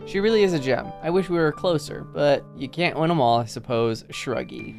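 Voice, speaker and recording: A woman's voice: low-pitched, expressive, fairly quick, a little mellow, faint music behind. A woman co-hosting a podcast, playful and chatty, reading old messages aloud. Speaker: podcast co-host.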